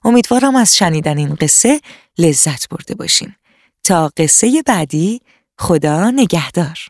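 A storyteller reading a children's radio tale in a clear, even, scripted way, speaking directly to young listeners. The voice sits at a middle pitch. The sound is dry and close to the mic, with no room echo.

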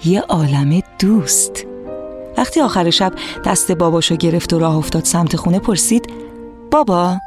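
A woman narrating a storybook for children, lively and expressive, speaking to the young listeners directly. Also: fairly low pitch, music in the background.

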